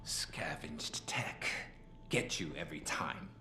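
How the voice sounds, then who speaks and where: A man's voice: extremely low pitch, lively intonation, slow, sharp tone, in a whisper, heavily acted. An actor playing a smug, coolly threatening male triad crime boss in a video game, speaking with sardonic deliberation. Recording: roomy echo, faint ambient noise.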